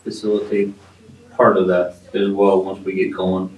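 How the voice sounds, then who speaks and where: A man from the ambulance staff speaking in a measured, plain way at a meeting. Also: low voice, little pitch movement, a little mellow. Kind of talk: meeting talk. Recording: echoey, distant mic.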